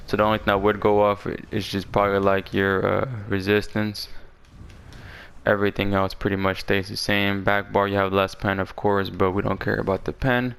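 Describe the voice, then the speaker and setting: A man's voice: on the low side, little pitch movement, moderate pace, vocal fry, a bit bright, smooth. A man talking casually and in slang as he presents a game build guide, his voice a little parched from being sick. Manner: informal, slangy talk.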